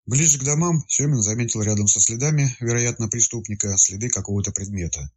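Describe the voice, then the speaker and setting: Husky male storyteller. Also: mid-range voice, quick pace. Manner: expressive storytelling. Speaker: narrator. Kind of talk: audiobook narration.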